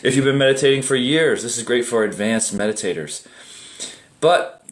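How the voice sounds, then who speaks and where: A middle-aged man teaching meditation in a relaxed, conversational way, often asking rhetorical questions. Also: medium pitch, moderate pace. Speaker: meditation teacher and group admin. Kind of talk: casual livestream meditation talk.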